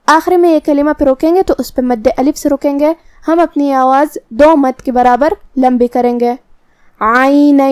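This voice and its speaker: A woman teaching Quran recitation rules, explaining each word and then reciting slowly. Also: high voice, darkish tone, dry recording. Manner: slow, drawn-out recitation between plain explanations. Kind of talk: tajweed lesson with slow recitation.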